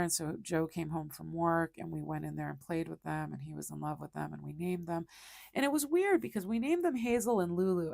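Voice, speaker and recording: Gravelly-voiced woman chatting as she draws. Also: deep voice, a little mellow, dry recording, studio quality. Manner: rambling storyteller with many fillers and restarts. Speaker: art livestream host. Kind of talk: casual chat while drawing.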